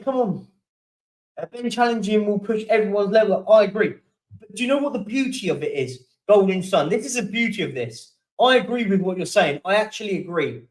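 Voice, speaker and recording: Young guy chatting on a live stream, highish voice, sounds a little distant, keeps yawning. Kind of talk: casual live-stream chat reading viewer comments.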